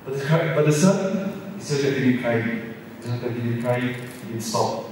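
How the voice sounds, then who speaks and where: A man's voice: mid-range voice, fairly even intonation, moderate pace, background noise. A man telling a folk tale at a college fest, repeating words and restarting for drama. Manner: repetitive, dramatic, many restarts. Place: large hall at a college event. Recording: echoey hall, mic far off.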